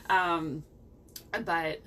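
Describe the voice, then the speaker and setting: A woman's voice: low voice, steady tone, drawn-out words, bright, forceful tone. A woman from West Virginia with a Midwestern American accent, chatting casually as a musician guest in an interview. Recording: distant mic, faint background noise.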